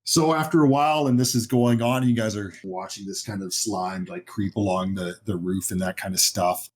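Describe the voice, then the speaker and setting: Narrating a horror tabletop roleplaying game as its game master, this man uses a lowish voice with a steady tone at normal speed. His delivery is conversational and descriptive, and music plays in the background.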